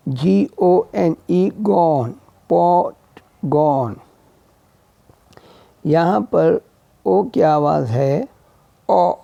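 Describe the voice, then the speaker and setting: A man's voice: on the high side, creaky, warm tone, no echo. A man teaching English vowel sounds, spelling each word letter by letter and repeating it. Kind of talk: slow spelled-out phonetics lesson. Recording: dull lo-fi sound.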